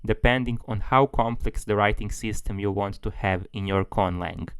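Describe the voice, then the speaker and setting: A man's voice: lowish voice, moderate pace, clean tone, dry recording. A man giving a tutorial as a language tutor, explaining things steadily, step by step.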